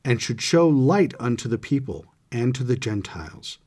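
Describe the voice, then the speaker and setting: A man giving a scripture lesson, reading passages aloud in a measured, reverent way and adding commentary. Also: mid-range voice, animated, darkish tone, slightly rough. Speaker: scripture study teacher.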